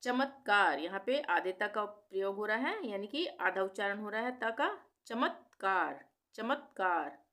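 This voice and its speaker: A woman teaching Hindi pronunciation, saying each word slowly several times, then explaining it and asking questions she answers herself. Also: medium pitch, animated, a bit bright. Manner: asks questions of the viewer and answers them herself. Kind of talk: slow pronunciation lesson.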